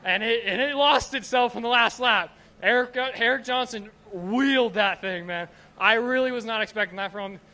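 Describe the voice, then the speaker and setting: A man's voice: extremely high pitch, normal speed, pushed and bright. A young man giving an emotional, breathless post-race interview at a racetrack as the winner, gushing and stumbling over his words. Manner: gushing, repeats himself. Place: trackside at a racetrack, outdoors.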